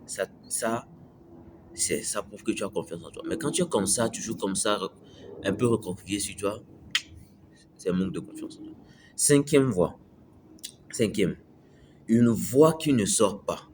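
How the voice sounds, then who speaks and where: A self-improvement video host speaks to camera in a lowish voice, a little slowly and with long pauses, over a noisy background. His motivational talk is casual and conversational; he repeats phrases and keeps asking "tu me suis" to make sure the listener follows.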